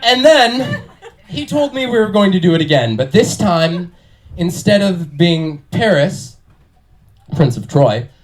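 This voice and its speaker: A man telling a comic anecdote on stage with a halting, wry build-up. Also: high voice, very animated, darkish tone, rough recording. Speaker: comic storyteller. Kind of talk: comic storytelling to an audience.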